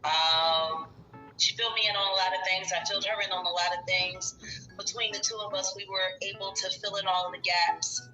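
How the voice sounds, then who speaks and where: Woman, chat guest. Bright forceful voice, blunt, emphatic delivery, roomy echoing sound. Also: medium pitch, steady tone, fairly quick, faint music behind. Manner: blunt, emphatic, point-by-point arguing. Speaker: interviewed guest. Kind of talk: casual chat.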